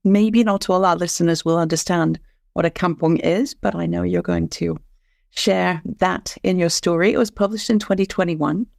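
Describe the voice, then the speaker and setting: Male podcast host, high and gravelly voice, upbeat interviewer, dry recording. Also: steady tone, moderate pace, no room sound.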